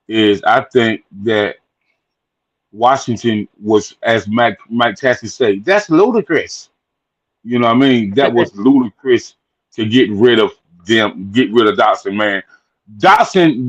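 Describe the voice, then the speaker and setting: A man's voice: lowish voice, takes it slowly. Emphatic man on muffled remote audio. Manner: emphatic, repeats words. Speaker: guest. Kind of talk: casual sports chat.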